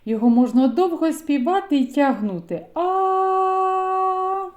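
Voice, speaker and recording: Woman, preschool teacher, slow and sing-song, slightly high voice, drawn-out vowels. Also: big pitch swings, warm tone. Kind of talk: children's phonics lesson.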